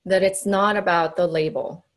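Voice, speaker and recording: A woman's voice: fairly low pitch, steady tone, moderate pace. A woman hosting a conversational interview, reacting with enthusiastic, affirming comments. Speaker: podcast host.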